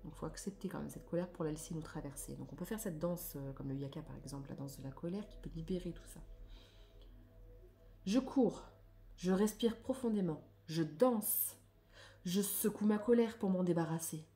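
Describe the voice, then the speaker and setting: A woman reads oracle cards aloud in a soft, reflective way, adding her own comments and often trailing off. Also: on the low side, normal speed. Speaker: spiritual card reader.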